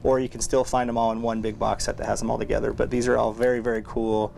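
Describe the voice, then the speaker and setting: A man's voice: mid-range voice, flat delivery, quick pace, creaky, darkish tone, slight background noise. A man hosting a casual weekly store update, talking loosely about new movie releases with fillers and restarts. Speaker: record store host.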